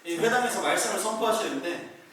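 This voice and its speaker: A man with a fairly high voice preaches in a relaxed, talky way, acting out the scenes as he goes. The room is very echoey, and he sounds some way from the mic, with faint noise underneath. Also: quick pace, distant mic. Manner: lively storytelling, acting out scenes. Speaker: pastor. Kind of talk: conversational sermon. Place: small church room.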